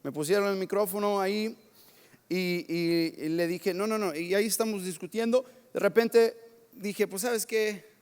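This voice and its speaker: A high-pitched male pastor preaching from the pulpit. He tells stories about himself in a lively, self-mocking way. His voice echoes with the long reverb of a church sanctuary. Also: normal speed, smooth. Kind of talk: sermon with personal stories.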